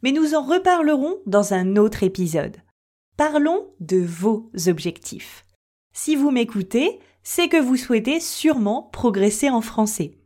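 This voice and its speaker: A woman hosts a French-learning podcast and explains each point with care. Her voice sits a little high and moves freely up and down. She speaks slowly and speaks to her listeners directly. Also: lively intonation, dark tone. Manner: addresses listeners directly with questions and examples. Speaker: French teacher and podcast host. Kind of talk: slow, clear podcast lesson for French learners.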